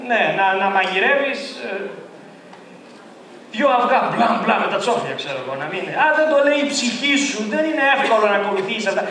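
A man giving a lively seminar talk as a tourism trainer, animated and rising to near-shouts as he acts out quotes. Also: high voice, a little hiss or hum. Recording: echoey hall from far off.

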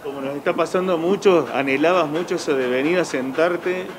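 A man's voice: a little high, a little fast, noisy background. A young man with an Argentine accent reporting on location for local TV news, chatting with customers through a handheld mic. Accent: Argentine Spanish. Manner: conversational, chatty reporter asking short questions. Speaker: field reporter. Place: outdoors on a town sidewalk and inside a café. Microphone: handheld reporter microphone.

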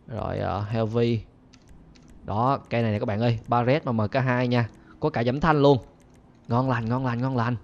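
A young man commenting on his own gameplay, getting excitable and yelping and repeating words when he takes fire. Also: mid-range voice, lo-fi sound. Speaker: gaming channel host.

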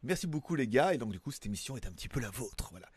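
A man's voice: medium pitch, very animated, racing, a little mellow, breathy edge, no room sound. A man hosting a casual tech news show, chatting in a rambling, jokey way with frequent asides. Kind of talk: casual chat.

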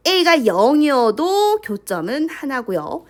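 A woman teaching a high school math lesson, who keeps asking her students questions and prompting them along. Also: big pitch swings, slow pace. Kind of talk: lecture to students.

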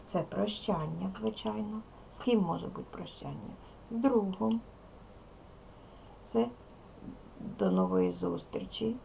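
A woman with a strongly gravelly, fry-heavy voice teaches a recorded lesson to young children. She speaks with a Ukrainian accent and explains each step slowly and deliberately. A faint hiss of noise sits under her voice. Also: mid-range voice, very animated, warm tone. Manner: slow, careful, deliberate explanation to young pupils. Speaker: primary school teacher.

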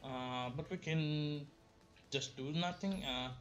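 A man's voice: fairly high pitch, very slow, fairly bright tone, dull audio, faint music behind. A man giving casual let's play commentary in hesitant, trailing half-sentences. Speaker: game player commenting.

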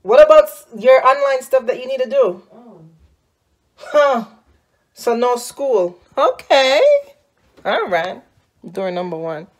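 Speaking slowly and pausing often, a Jamaican-accented mother in her thirties uses a voice that sits high and is expressive. She films her teasing, sassy family vlog on a phone at arm's length, scolding with dry humor as she moves through a small room and hallway at home.

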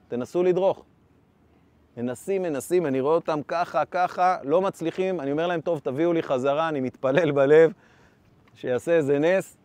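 A man's voice: fairly high pitch, no room sound. Man retelling combat in urgent bursts. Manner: urgent storytelling, re-enacting shouted dialogue. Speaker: former tank brigade commander giving testimony. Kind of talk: first-person combat testimony.

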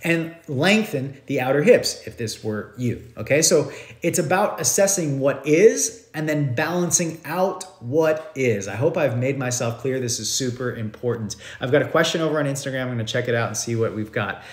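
A yoga teacher in his thirties live-streams a teaching talk from his living room at home, speaking animatedly at normal speed in an ordinary middle pitch. He gestures a lot and his loose phrasing circles back on itself, picked up by a close phone camera in a bare, echoey room.

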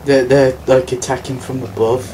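A man giving live gameplay commentary, excitable, swearing often and taunting opponents. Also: mid-range voice, normal speed. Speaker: gaming commentator. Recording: game gunfire and vehicle noise behind. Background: loud in-game gunfire and vehicles.

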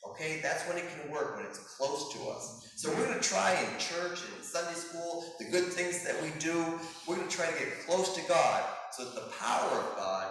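A middle-aged man, a pastor, giving a children's sermon with props, explaining in a lively way. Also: a little high, normal speed, few pauses. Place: large church sanctuary, indoors. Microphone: far camera. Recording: echoey sanctuary from far off.

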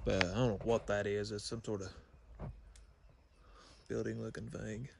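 A man's voice: lowish voice, little pitch movement, normal speed, creaky, background noise. Young man vlogging on a phone. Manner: rambling, hushed and uneasy outdoors. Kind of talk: casual vlog narration. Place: outdoors in wooded yard by old house, later indoors. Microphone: phone held at arm's length.

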